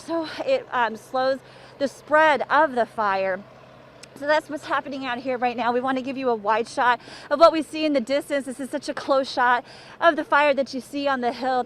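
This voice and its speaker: A woman's voice: sits high, a little hiss or hum. A woman field reporter walking and talking urgently through a live breaking news report outdoors near a wildfire, out of breath.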